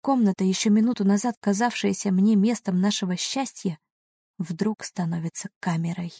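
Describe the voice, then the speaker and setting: Woman, audiobook narration, breathy, mellow, dry close sound. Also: mid-range voice, steady tone, no room sound. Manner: soft, emotional, measured. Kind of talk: first-person audiobook narration.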